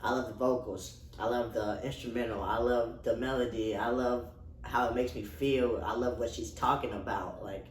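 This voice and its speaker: A young adult man giving a casual, excitable album review, swearing freely and talking in slang. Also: mid-range voice, moderate pace. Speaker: music reviewer. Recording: echoey room, voice far from mic, faint hiss.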